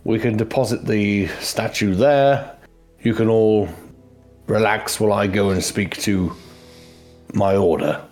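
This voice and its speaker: A man voicing a formal, measured male dragonborn companion in a tabletop game. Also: on the low side, steady tone, darkish tone, faint music behind, natural voice. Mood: calm advice.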